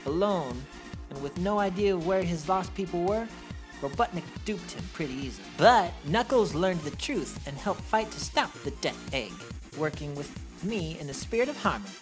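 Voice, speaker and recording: Low-voiced Sonic the Hedgehog, played by a woman. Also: lively intonation, normal speed, over music, close to an everyday voice. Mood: wry. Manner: casual, wry storytelling asides. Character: cocky young male hero hedgehog narrating his backstory. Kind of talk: scripted comic dub narration.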